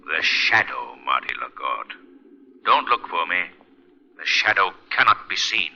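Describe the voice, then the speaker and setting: An actor playing a mysterious invisible crime fighter in an old radio mystery, slow, taunting and theatrical. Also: male voice, deep voice, sing-song, sharp tone, a little hiss or hum, heavily acted. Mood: mocking. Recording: muffled vintage radio recording.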